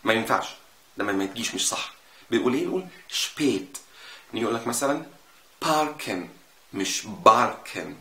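A man with an Egyptian Arabic accent teaching a casual language lesson, repeating sounds slowly to show them. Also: lowish voice, bright, forceful tone. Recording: echoey room with faint noise.

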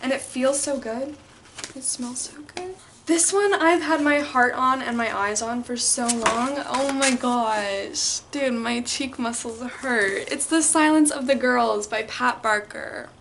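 A woman's voice: a little high, takes it slowly, gravelly, background noise. A young woman vlogging casually from home, chatty and gushing. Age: young adult. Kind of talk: casual reading vlog chat.

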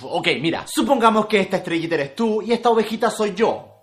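A man playing a blunt, yelling boss. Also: high voice, animated, a little fast. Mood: bossy. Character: angry blunt male boss.

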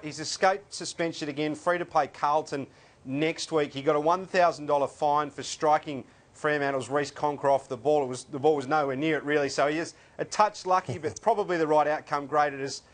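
Brisk Australian host, higher voice. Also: male voice. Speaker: sports show host. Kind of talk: casual sports chat.

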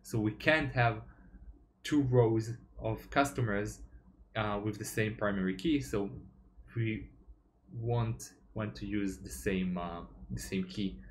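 A man's voice: lowish voice, fairly even intonation, slow pace. Young man, developer, tech talk presentation, methodical, filler-heavy, video call from home. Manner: plain, methodical explaining with frequent "uh" fillers. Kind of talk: explanatory presentation over slides.

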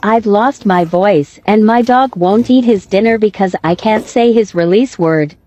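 A woman reading short captions aloud in a flat, deliberate way. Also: mid-range voice, lo-fi sound.

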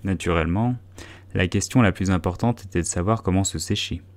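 A man reading a children's classic aloud as audiobook narrator, in a measured storytelling voice. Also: low voice. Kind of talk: scripted narration.

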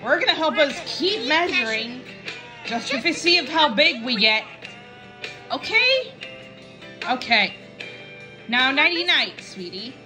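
A woman voicing a small, gentle young cartoon character who talks in a soothing, tender bedtime manner. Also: sits high, very animated, takes it slowly, long pauses, music in the background, exaggerated voice. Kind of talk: animated children's show voice acting.

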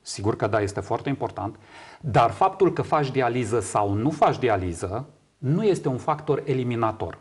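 A man's voice: medium pitch, animated, darkish tone, slightly rough. A man in his fifties from Romania, explaining things emphatically as a guest in a studio interview. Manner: emphatic, repeats words for agreement. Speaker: interview guest, kidney patient advocate. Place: small TV studio, indoors. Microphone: lapel mic.

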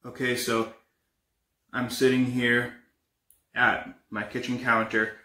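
A young man playing an uneasy paranormal investigator in a found footage horror film, talking in a halting, casual, improvised way. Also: mid-range voice, flat delivery, sharp tone. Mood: uneasy, matter-of-fact. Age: young adult. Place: indoors, bedroom and kitchen. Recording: echoey room, amateur camera audio.

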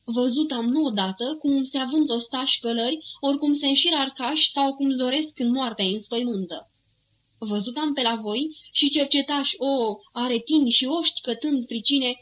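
A woman's voice: sits high, slight background noise, poor audio. Woman reciting epic verse. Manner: measured recitation, steady rhythm. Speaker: audiobook narrator. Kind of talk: scripted narration of epic verse.

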